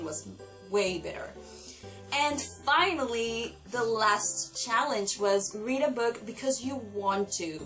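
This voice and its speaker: A young woman chatting excitedly about books she has read, gushing over her favourites in a casual vlog. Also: mid-range voice. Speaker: book vlogger. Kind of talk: casual book review vlog. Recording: distant mic with faint background music.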